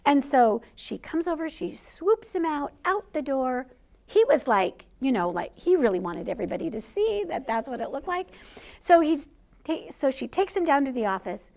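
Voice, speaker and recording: A woman's voice: high voice, big pitch swings, normal speed, creaky, darkish tone. A middle-aged woman, a teacher, telling a personal story in a conversational way to an audience. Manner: conversational, laughs through funny parts.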